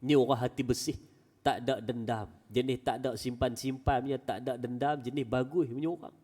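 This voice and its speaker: A male preacher giving a Friday mosque sermon as an animated storyteller with folksy asides. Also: medium pitch, a little fast, big-room sound. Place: small mosque prayer hall.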